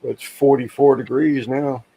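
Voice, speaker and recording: A man hosting a casual livestream chat, telling rambling stories with lots of pauses and restarts. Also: medium pitch, fairly even intonation, gravelly, dark tone, breathy edge, poor audio. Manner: rambling, halting storyteller. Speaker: livestream host.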